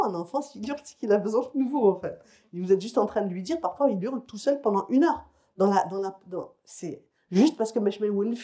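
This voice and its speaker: A woman psychologist speaks to a room of parents in a mellow, warm voice. Her lecture is explanatory and conversational, and she keeps checking that everyone follows. Her pitch sits in a typical middle range for a woman. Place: lecture hall or conference room.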